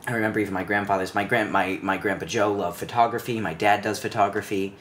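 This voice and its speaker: Talking fast in a lowish voice with a slight hiss or hum behind him, a twenty-something podcast guest who works as a cinematographer and actor recounts his childhood. Seated on a living room couch at a studio mic on a stand, he tells stories animatedly and casually, restarting often and using lots of fillers.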